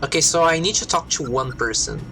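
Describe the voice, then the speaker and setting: Woman streamer thinking out loud. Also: deep voice, brisk, low-quality recording. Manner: thinking aloud, reading on-screen text. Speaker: game streamer. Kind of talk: live game commentary.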